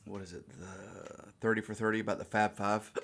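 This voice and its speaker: A South Carolina man with a Southern US accent co-hosts a podcast, chatting loosely about sports and often repeating words as he begins a thought. His voice is lowish, creaky and a bit bright, with a flat delivery at normal speed.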